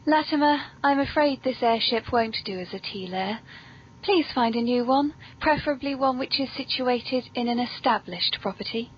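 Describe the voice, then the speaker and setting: A husky-voiced British woman speaks at a moderate pace while hosting her whimsical scripted comedy podcast. She's playful, genteel and very polite, and the recording is muffled, noisy and low in quality.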